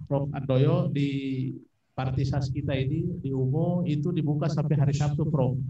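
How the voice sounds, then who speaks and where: Measured male moderator, mellow tone, far from the mic, roomy and dull. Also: medium pitch. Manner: measured, announcing names. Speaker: meeting moderator. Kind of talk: formal announcements. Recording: distant echoey lo-fi sound.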